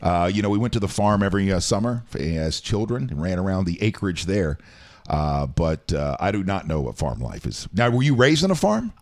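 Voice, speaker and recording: A man's voice: low voice, fairly quick. A middle-aged man from Florida hosting a radio interview in a small studio, chatting casually with lots of fillers. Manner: rambling, filler-heavy, lively questioning. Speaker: radio talk show host. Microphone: studio mic on boom arm, headphones.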